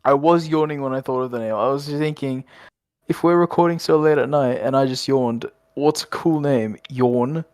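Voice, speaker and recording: A man's voice: medium pitch, normal speed, darkish tone, smooth, dry recording. A young Australian man co-hosting a casual late-night podcast, rambling and joking with frequent laughs. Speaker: podcast co-host.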